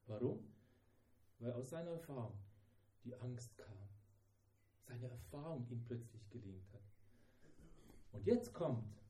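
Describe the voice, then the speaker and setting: A man's voice: mid-range voice, animated, slow, long pauses, mellow, echoey room, low-quality recording. A man preaching a sermon in a dramatic way, acting out the voices of the people in the story. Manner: dramatic, acts out the disciples' voices.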